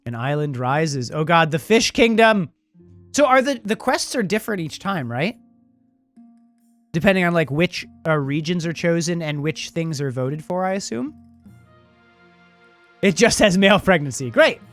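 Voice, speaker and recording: A man giving casual, animated playthrough commentary, thinking aloud as he plays and reads out game text. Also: a little high, normal speed, pauses often, soft background music.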